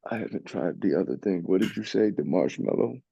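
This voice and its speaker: A man speaking softly and hesitantly in an online group. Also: low voice, lively intonation, a little fast, gravelly, slight background noise. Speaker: group member. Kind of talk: casual talk in an online group. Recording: dull lo-fi video call audio.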